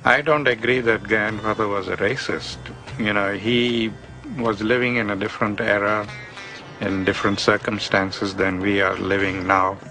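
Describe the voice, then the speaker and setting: An older man in an interview, answering in a calm, measured, defensive way. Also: lowish voice, faint music behind, poor audio.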